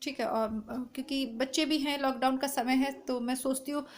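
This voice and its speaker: In a brisk, steady tone, a woman with a high, strained and hoarse voice leads an informal exam-prep lesson in Hindi, talking students through the syllabus and reassuring them directly. It was recorded at home using only a phone or built-in device mic.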